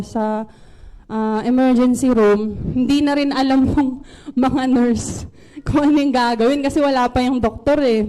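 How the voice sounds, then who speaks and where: A woman's voice: high-pitched, darkish tone, poor audio. A woman telling a church congregation about an emergency-room ordeal, chatting casually, mixing English into her Tagalog and laughing between phrases. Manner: conversational, with Tagalog-English code-switching. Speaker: speaker sharing a testimony. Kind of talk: testimony to a congregation.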